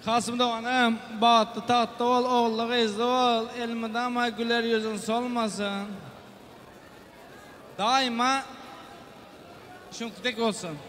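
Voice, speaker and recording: A man delivers celebratory wedding toasts in a very high, bright voice. The hall rings with reverb and some background noise. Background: ambient noise.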